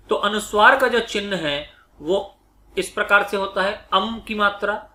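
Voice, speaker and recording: Bright-voiced man teaching in an echoey room. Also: high voice. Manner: patient, spells out each letter and repeats points. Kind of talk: Hindi grammar lecture.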